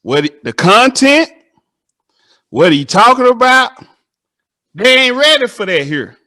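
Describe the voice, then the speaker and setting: A man, hosting a casual interview and telling animated stories that act out the dialogue. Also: extremely high pitch, unhurried. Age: 30s. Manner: animated storytelling, acts out dialogue.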